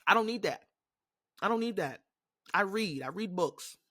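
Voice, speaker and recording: A woman with a New York accent talks straight into her podcast mic with a blunt, profane edge. She rants with passion in a loose, casual monologue. Her voice sits at an ordinary middle pitch. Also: expressive, normal speed, bright, forceful tone, husky. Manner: blunt, profane, impassioned ranting. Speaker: podcast host.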